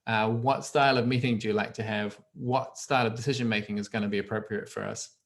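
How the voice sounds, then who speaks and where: A man's voice: lowish voice, fairly even intonation, fast talker. New Zealand man explaining on a call. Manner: meandering, restarts phrases as he thinks. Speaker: trainer. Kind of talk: casual explanation on a group call. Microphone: video call.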